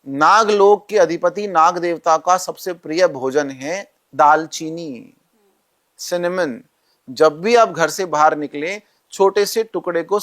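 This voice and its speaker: A man guest calmly explaining rituals and mantras in an interview, speaking directly to the listener. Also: on the high side. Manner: calm, instructive, addresses listener directly. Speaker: astrologer guest.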